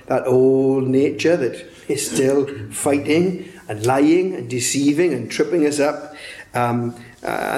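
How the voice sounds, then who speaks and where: A man's voice: medium pitch, darkish tone. A man leading a church Bible study, preaching with chatty, self-mocking asides. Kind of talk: sermon. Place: church hall. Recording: echoey church room.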